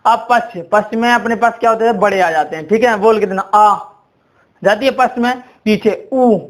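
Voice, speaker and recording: In a brisk, high voice, a grammar teacher from India keeps quizzing his audience with questions like "कितने होते हैं?". He repeats key points over and over, punctuating them with "ठीक है".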